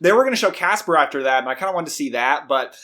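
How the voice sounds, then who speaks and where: Tired vlog host, a man, relaxed and chatty about films. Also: a little high, racing. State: shivering and yawning. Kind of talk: casual chat about movies.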